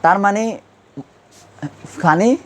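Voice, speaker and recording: Drawing out his words in a high-pitched, somewhat bright voice, a male Urdu grammar teacher runs a classroom lesson. He quizzes his students with repeated questions.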